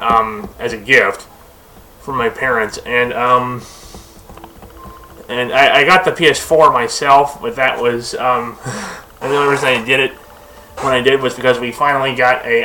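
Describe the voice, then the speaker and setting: Young guy, bright edge to the voice, casual and rambling with constant ums, faint background hiss. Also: mid-range voice, fairly even intonation, moderate pace, rough recording. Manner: rambling, full of fillers, restarts and tangents. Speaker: video host.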